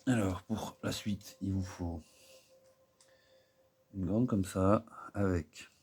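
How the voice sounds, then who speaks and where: Man narrating his build, low dark voice, halting delivery, casual and self-deprecating. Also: fairly even intonation, husky. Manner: rambling, hesitant, many fillers, self-mocking. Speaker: Lego builder and video host.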